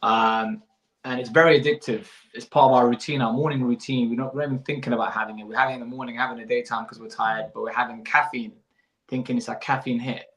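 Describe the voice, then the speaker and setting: A fitness coach and business owner in his thirties, born in Iraq and moved abroad as a young child, answers interview questions informally, explaining as he goes and often rephrasing. His medium-pitched, slightly bright voice is quick with fairly even intonation, captured in a low-quality recording in an echoey room.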